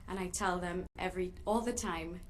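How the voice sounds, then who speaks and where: A woman's voice: on the low side, normal speed, slight background noise, poor audio. A twenty-five-year-old woman from Trinidad and Tobago, giving a passionate, rehearsed pageant self-introduction. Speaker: pageant contestant.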